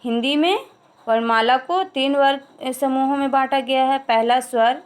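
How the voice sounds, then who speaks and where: A woman's voice: high voice, moderate pace. A woman teacher giving a recorded grammar lesson, explaining step by step, asking and answering her own questions and drawing out example sounds.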